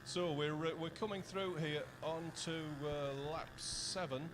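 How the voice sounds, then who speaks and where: A man's voice: fairly high pitch, a little slow, background noise. A man with a British accent doing live race commentary, chatty and asking his co-commentator questions. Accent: British English.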